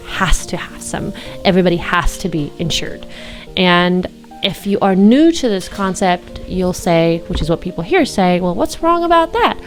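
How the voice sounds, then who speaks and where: A woman in her thirties, born and raised in the Czech Republic, talking casually to camera as a homesteading vlogger, chatty and laughing lightly between points. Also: on the low side.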